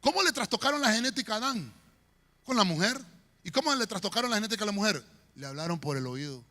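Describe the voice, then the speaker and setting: A pastor preaching a sermon in a church, swinging between shouts and quiet murmurs. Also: male voice, sits high, expressive, quick pace. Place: church sanctuary. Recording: long church hall reverb.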